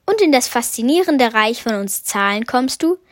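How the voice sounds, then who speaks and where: A woman's voice: on the high side, lively intonation, moderate pace, no room sound, clean studio sound, lightly acted. A woman reading a children's story aloud, voicing a cheerful, giggly talking number eight. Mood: amused. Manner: giggly, welcoming.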